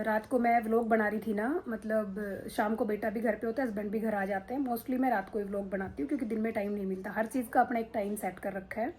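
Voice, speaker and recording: A woman's voice: fairly high pitch, a little mellow, a little hiss or hum, poor audio. A middle-aged woman vlogging casually into a handheld phone at home, frank and rambling with many fillers. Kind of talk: casual talk to camera. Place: drawing room at home. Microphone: phone held in hand.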